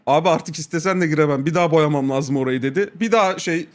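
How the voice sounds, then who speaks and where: Guy with a pretty high voice telling a story on stream, swears a lot, keeps going "he said", laughs a bunch. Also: quick pace. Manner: crude and profane, keeps quoting others with repeated "he said". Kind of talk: casual storytelling chat.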